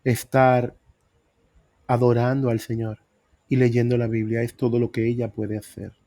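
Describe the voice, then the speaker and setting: A man's voice: mid-range voice, level tone, unhurried, warm tone. A middle-aged man preaching, telling his own story with earnest emphasis. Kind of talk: sermon testimony.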